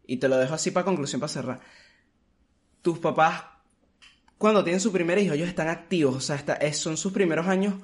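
A man's voice: fairly high pitch, brisk, pauses often. A young man with a Venezuelan accent co-hosting a podcast, explaining his views in loose, slangy, rambling chat. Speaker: podcast co-host. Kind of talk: casual chat.

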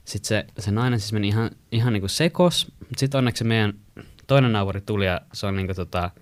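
A young man from Finland casually telling a long story to friends, rambling with many fillers and getting animated when he quotes people. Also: fairly low pitch, no room sound.

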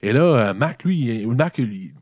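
A man with a Québécois accent talks a little slowly in a medium-pitched voice as he recaps a movie with rambling humor and plenty of swearing. His storytelling is animated and colloquial; the lo-fi recording is dull and dry, without echo.

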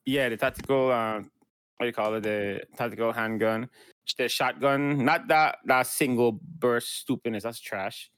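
A man's voice: mid-range voice, moderate pace, a bit bright, clean tone, no room sound, clean studio sound. A man co-hosting a casual gaming podcast, giving blunt, dismissive opinions. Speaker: podcast co-host.

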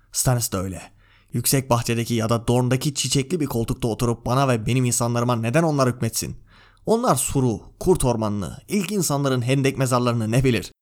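A man reading the part of a huge, gruff northern lord, defiant and booming. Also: a little mellow, natural voice.

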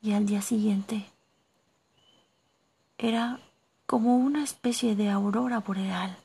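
Slow, hushed woman storyteller. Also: mid-range voice, gravelly, slightly rough. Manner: slow, hushed first-person narration. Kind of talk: whispered storytelling.

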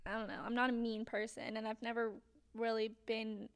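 A woman's voice: on the high side, flat delivery, fairly quick, clean tone. A young woman with a Valley girl way of talking, chatting casually as a podcast co-host. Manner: Valley-girl talk, peppered with "like" and "literally". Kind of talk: casual chat.

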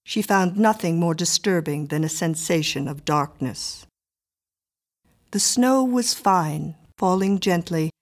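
Woman narrating a story, measured. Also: lowish voice.

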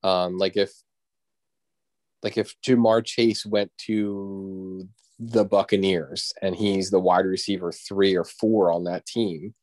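A man's voice: sits low, fairly even intonation, slow, a little mellow. A young man in casual sports chat, hesitant and filler-heavy, hedging his points. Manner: hesitant, full of "um" and "like", laughs often. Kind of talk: casual fantasy football chat.

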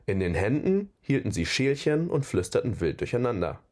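A man reading a fantasy novel chapter aloud as narrator, in an expressive storytelling manner. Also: medium pitch, normal speed. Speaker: audiobook reader.

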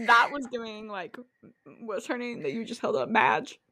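A young woman co-hosting a casual podcast, telling stories in an animated, giggly way on a close mic. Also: fairly high pitch, a little slow. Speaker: podcast co-host. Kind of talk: casual chat.

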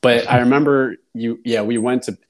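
A man's voice: mid-range voice, steady tone, moderate pace. A young adult man hosting a casual podcast, chatty, chuckling and steering the conversation. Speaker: podcast host.

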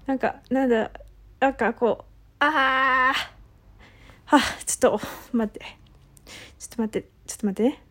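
A young woman with a high voice hosts a casual solo audio talk. She is excitable and flustered, keeps apologizing, and laughs at herself. Her speech is blunt and boyish. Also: normal speed, pauses often. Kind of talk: casual solo chat, reading a listener letter.

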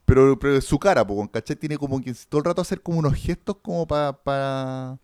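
Reviewing a series on his podcast, a man with a Chilean accent talks casually and rambles, using lots of slang and fillers. His mid-range voice is fairly quick, darkish, clear and resonant, captured in a dry, clean studio recording.

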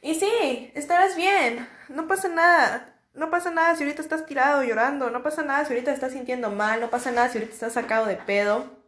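A young woman with a Mexican accent hosts a podcast, giving a casual motivational monologue that is slangy, reassuring, and repetitive. She talks fast in a high-pitched, slightly bright voice, in an echoey room.

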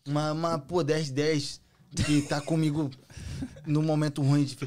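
A man's voice: fairly high pitch, level tone, a little slow, darkish tone, a little hiss or hum. A young man with a Brazilian Portuguese accent chatting casually as a guest musician, telling stories in boastful street slang with plenty of swearing. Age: young adult. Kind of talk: casual chat.

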